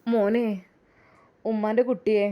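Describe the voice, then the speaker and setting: A woman's voice: fairly high pitch, flat delivery, measured pace, smooth, dull audio, natural voice. A woman voicing an affectionate old mother. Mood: worried. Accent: Malappuram Malayalam. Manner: affectionate, worried. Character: affectionate elderly grandmother.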